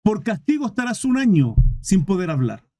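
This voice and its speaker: A man's voice: high voice, very animated, a little mellow, no echo, studio quality, exaggerated voice. A man doing a grave lion king. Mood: stern. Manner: solemn, measured, pronounces judgment.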